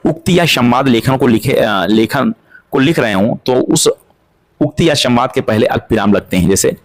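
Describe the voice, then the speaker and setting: A man teaching an exam-prep grammar lesson, asking questions and answering them himself to drill each point. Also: medium pitch. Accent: Hindi-speaking North Indian.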